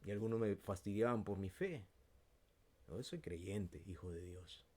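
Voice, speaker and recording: A Peruvian man preaching with a Peruvian Spanish accent, telling a personal story and then praying, swinging between loud bursts and soft, hushed prayer. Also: low-pitched, measured pace, slightly rough. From Peru. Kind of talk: sermon with personal testimony and prayer.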